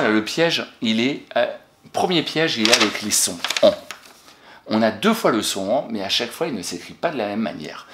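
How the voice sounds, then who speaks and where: Male primary teacher, animated and encouraging, spells words out slowly, echoey room with light hiss. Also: lowish voice. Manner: encouraging, talks to an absent pupil and pauses for answers. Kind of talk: recorded spelling lesson for a child. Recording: echoey room with faint noise.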